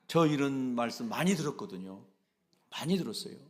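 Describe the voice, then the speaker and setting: A man's voice: mid-range voice, lively intonation, fairly quick, a little mellow. A male pastor preaching a sermon emphatically, often asking the congregation questions.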